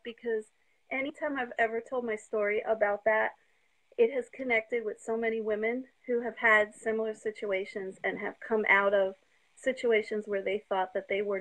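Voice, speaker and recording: A woman in her fifties, a guest on a live video interview, telling her story eagerly and sounding slightly out of breath on a phone call. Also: on the high side. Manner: eager, talks fast when excited.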